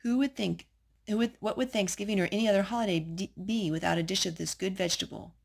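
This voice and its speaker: Speaking fast with a creaky, steady mid-range voice, this woman from North Carolina runs a children's storytime. She reads picture books aloud and talks with a young child using simple questions and asides.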